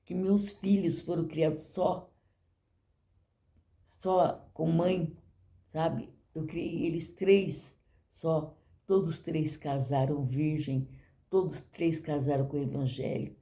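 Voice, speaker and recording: A woman's voice: sits low, fairly even intonation, slow pace, warm tone. An older woman giving a personal testimony in church, talking conversationally to the congregation and often asking "you know?".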